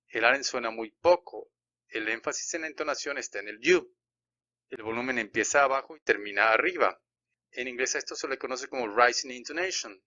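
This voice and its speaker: A man's voice: medium pitch, pushed and bright. A man teaching English grammar, explaining each example step by step and modelling English sentences. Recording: slightly dull, lo-fi sound.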